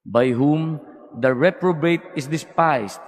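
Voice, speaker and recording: A man reading scripture solemnly as a lector, phrase by phrase, in a large cathedral with long echo. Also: on the high side. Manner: deliberate, phrase by phrase.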